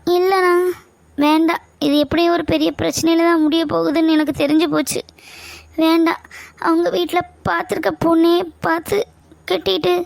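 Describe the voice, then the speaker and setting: A woman's voice: extremely high pitch, vocal fry, no room sound. A woman playing a hurt, tearful young woman in an amateur family skit, insisting she wants no more contact with her fiancé. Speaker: younger sister figure.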